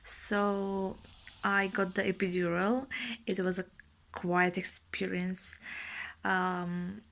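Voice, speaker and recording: A young woman, not a native English speaker, slowly telling her own story in a halting way with soft breathy asides. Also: medium pitch, little pitch movement. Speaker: new mother telling her birth story. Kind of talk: casual personal storytelling.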